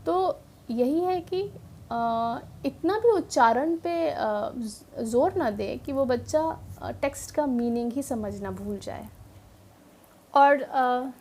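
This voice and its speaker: An educator with a bright, high, animated voice earnestly and patiently explains reading to parents and teachers. She lingers on filler words and mixes English words into her sentences, while a faint hum of background noise runs beneath her.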